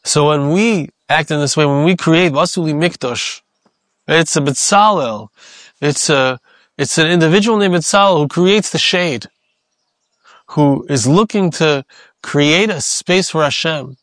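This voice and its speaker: A man gives a reflective Torah sermon as a rabbi, circling back to repeat his key phrases. His voice sits fairly high. The recording is dry and close. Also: unhurried, fairly bright tone, dry recording.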